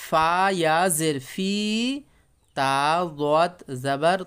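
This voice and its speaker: Slow, smooth-voiced Bengali Quran teacher. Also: male voice, on the high side, a bit bright. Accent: Bangladeshi Bengali. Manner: spells syllables slowly, then chants verses in a raised voice. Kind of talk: spelling-out recitation lesson.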